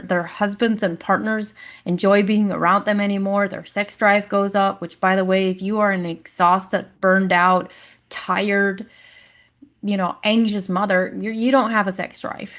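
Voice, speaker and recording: Upbeat woman podcast host. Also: medium pitch. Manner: energetic, conversational, acts out quoted clients. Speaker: holistic health coach and podcast host. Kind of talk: casual podcast monologue.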